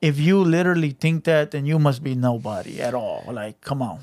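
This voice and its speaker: A man's voice: medium pitch, brisk, darkish tone, no echo. A man hosting a casual podcast chat in street slang, swearing often and calling people bro and dog. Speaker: podcast host.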